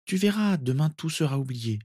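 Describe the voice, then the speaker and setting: A man reading a storybook and voicing a gentle, caring young girl who speaks in a soft, reassuring way. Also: a little high, animated, normal speed, slightly rough, no room sound, clean studio sound, pitched above the performer's own voice. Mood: soothing.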